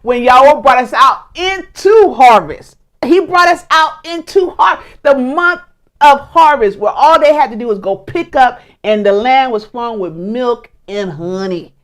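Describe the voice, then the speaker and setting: A woman co-hosting a casual teaching chat, outspoken and animated as she talks. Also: high-pitched, a little slow. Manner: lively, outspoken, animated storytelling. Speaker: co-host teaching.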